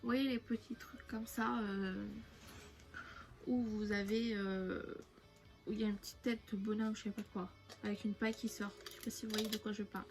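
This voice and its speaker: Music plays behind a young woman from France as she rambles through her shopping haul, full of fillers and restarts. As a beauty vlogger, she speaks at a normal speed in a medium pitch with little pitch movement.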